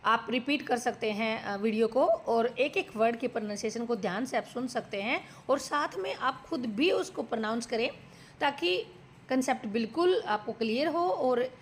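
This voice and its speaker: A woman's voice: fairly high pitch, expressive, a little hiss or hum. A woman English teacher reading out vocabulary words and their meanings one by one to her students. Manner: slow, deliberate word-by-word dictation to students; addresses students as "beta". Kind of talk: vocabulary lesson.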